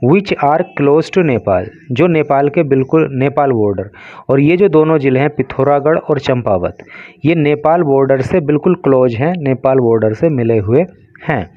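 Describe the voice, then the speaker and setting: A man teaches English by reading a newspaper aloud. He reads each English phrase slowly and then explains the meaning of the words in Hindi. His voice sits at a middle pitch, recorded close and dry with a slightly dull, muffled tone. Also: no echo.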